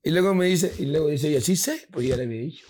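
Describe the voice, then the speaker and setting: Talking very fast in a husky voice on the high side, a Mexican-accented man recounts something that happened to him in a relaxed chat. He curses liberally, stays lively and imitates the other characters' voices.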